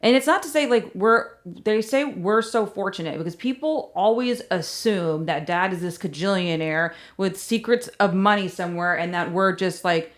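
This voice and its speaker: A woman's voice: mid-range voice, moderate pace, few pauses. A middle-aged American woman chatting casually as a podcast co-host, venting candidly and emphatically with rhetorical questions.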